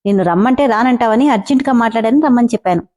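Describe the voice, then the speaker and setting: An emotional young woman who pleads with a colleague, voiced by a woman narrator. The voice is high and mellow. This is a storybook drama read aloud. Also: quick pace, natural voice. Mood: pleading.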